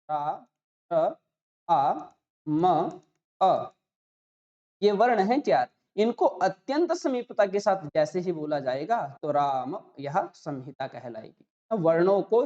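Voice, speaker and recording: A woman with a low, mellow voice teaches Sanskrit grammar in a steady explanatory lesson. She splits words into their single sounds and repeats each example slowly. The recording is a little dull and muffled.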